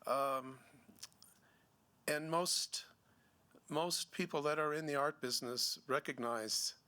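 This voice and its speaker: A middle-aged man, a gallery owner giving a seminar talk, speaking haltingly with many restarts and fillers. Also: on the high side, sharp tone, clear, resonant tone. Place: museum seminar room.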